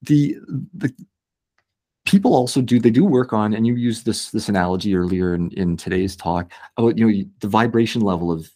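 A man's voice: lowish voice, animated, normal speed, dark tone. A man hosting an interview, speaking thoughtfully and often repeating words as he finds his phrasing. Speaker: podcast host. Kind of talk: conversational interview.

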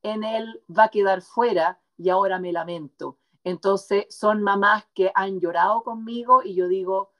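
A woman's voice: mid-range voice, fairly even intonation, unhurried, few pauses, lo-fi sound. A woman guest author speaking passionately and emphatically in an interview conversation.

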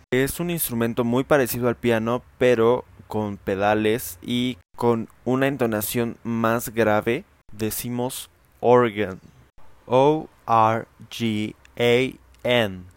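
A man's voice: medium pitch, fairly even intonation, smooth, no room sound. A man teaching vocabulary, spelling each word out letter by letter. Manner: spells words letter by letter, slow and deliberate. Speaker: English teacher. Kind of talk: slow vocabulary lesson.

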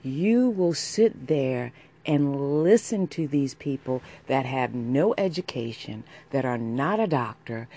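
A woman hosts a podcast as a solo, opinionated monologue. She talks slowly and deliberately, with impassioned emphasis and pointed repetition. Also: a bass voice, warm tone. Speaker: podcast host.

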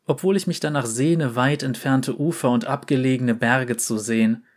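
A man playing Fiaram, a gentle clockwork boy. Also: mid-range voice, normal speed, lightly acted. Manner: soft, gentle, playful. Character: shy gentle porcelain clockwork boy, playful showman.

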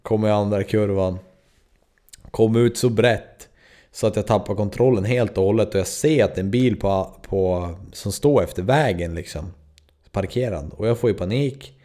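A man's voice: fairly low pitch, dark tone. A man in his twenties from Sweden, a podcast host telling a story in a loose, rambling way, full of fillers and swearing. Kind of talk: casual storytelling.

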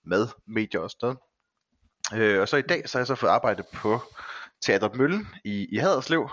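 A man with a bright, forward voice on the low side talks casually as a podcast guest. He phrases things thoughtfully and a little hesitantly, in a very dry sound. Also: lively intonation, no echo, highs cut off. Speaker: podcast guest, film and series reviewer. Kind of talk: casual conversational interview.

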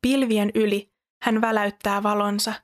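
A woman reading scripture aloud in a steady, measured recitation. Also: medium pitch.

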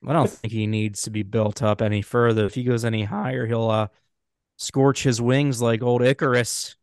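A man's voice: mid-range voice, fairly even intonation, normal speed, no room sound, clean studio sound. Rambling jokey man on a podcast. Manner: rambling, jokey, self-correcting. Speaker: podcast co-host. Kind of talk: casual chat.

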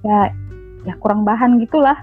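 A woman's voice: a little high, moderate pace, breathy edge, faint music behind. Woman telling her story over a phone line. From lives in Manado, not originally from there. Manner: chatty, aggrieved storytelling with quoted dialogue. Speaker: caller sharing her story. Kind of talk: casual chat.

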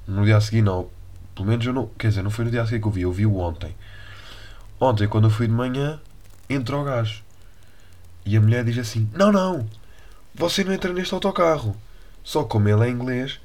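Relaxed young Portuguese man, lowish voice. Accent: European Portuguese. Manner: animated, swears freely, restarts sentences. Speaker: podcast host. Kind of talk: casual storytelling.

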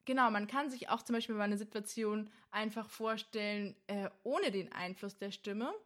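A woman's voice: mid-range voice, normal speed, fairly bright tone. A young woman hosting a podcast on the voice, talking straight to the listener in an earnest, searching way. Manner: earnest, searching, with fillers like "also" and "ja". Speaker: podcast host and voice coach. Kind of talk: casual talk to the listener.

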